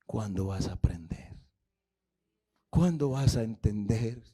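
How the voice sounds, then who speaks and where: A man voicing the Lord as a patient, gentle father speaking softly and slowly to his child. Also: on the high side, huge pitch swings, vocal fry, pitched below the performer's own voice, full character voice. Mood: gentle rebuke.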